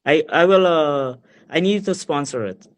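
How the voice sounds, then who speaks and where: A fairly high-voiced man from Guyana talks as a guest in a relaxed business chat. He tells little stories in a chatty way, filling his talk with "like" and "right?". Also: moderate pace. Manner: chatty storyteller, often adds "like" and "right?". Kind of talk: casual interview chat. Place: Edmonton, Canada.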